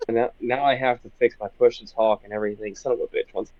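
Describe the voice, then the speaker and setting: Male RPG player, group voice chat: average pitch, halting formal role-play, dry, slightly dull phone audio. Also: fairly even intonation, dry recording. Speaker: tabletop role-playing game player. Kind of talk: group voice chat, role-playing in character and chatting. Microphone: phone in an online voice chat.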